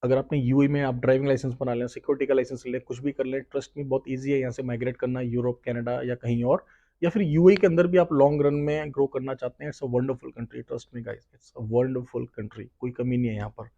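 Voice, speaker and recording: Man giving casual advice, mellow. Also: medium pitch, little pitch movement, brisk. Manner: mixes Hindi with English phrases, frequent "right?" check-ins. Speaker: host giving job interview tips. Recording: slightly dull, lo-fi sound.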